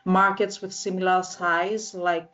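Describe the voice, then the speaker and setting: Woman, Greek accent, 30s, low-pitched, monotone, hesitant with fillers, slightly muffled recording. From northern Greece. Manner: measured and halting, frequent filler sounds. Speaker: guest. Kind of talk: interview answers.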